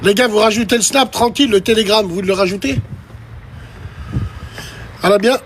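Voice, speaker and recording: A man's voice: high-pitched, moderate pace, a little hiss or hum. A man ranting on a live stream, talking straight to his chat in a crude, provocative and mocking way. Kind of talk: casual live-stream rant.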